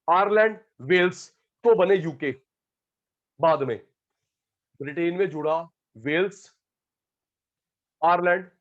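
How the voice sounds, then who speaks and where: A man lectures a live class in a fairly high voice. He calls on students by name, swinging from loud calls to quiet asides. The classroom recording sounds dull and lo-fi. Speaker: economics teacher.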